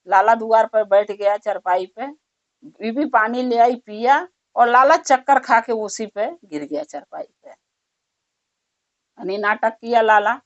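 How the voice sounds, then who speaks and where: A woman's voice: a little high, a little slow, no echo. A woman narrating a devotional story in a plain, conversational way. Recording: dull muffled recording.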